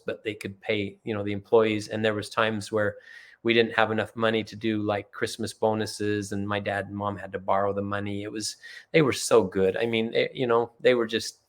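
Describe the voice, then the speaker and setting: A man from Utah, a podcast guest, telling earnest, rambling family anecdotes in a casual chat, acting out quotes as he goes. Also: on the low side. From Utah, USA. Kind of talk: casual storytelling in conversation.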